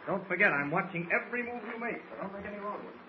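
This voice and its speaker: High-pitched, commanding radio hero. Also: male voice, lively intonation, fairly quick. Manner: firm, clipped defiance. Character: unflinching, commanding male government agent hero. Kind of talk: 1940s radio serial acting. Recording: muffled, hissy old radio recording.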